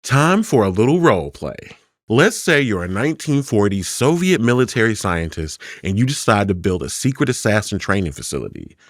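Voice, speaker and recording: A man co-hosting a scripted podcast, explaining things with dry, deadpan retorts. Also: lowish voice, brisk, no echo. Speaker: podcast co-host.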